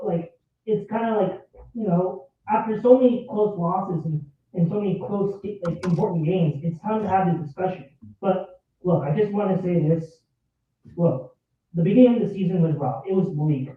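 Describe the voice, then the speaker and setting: A man calling in to a live show who sounds like he is at the bottom of a well, rambling and restarting his points with "look". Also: high voice. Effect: sounds like down a well, tunnel-like echo. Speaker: caller. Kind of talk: fan venting on a call-in. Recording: distant echoey lo-fi call line.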